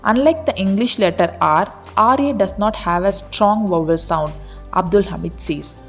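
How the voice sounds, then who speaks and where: A woman's voice: mid-range voice, moderate pace, soft background music. Woman narrating a scripted explainer.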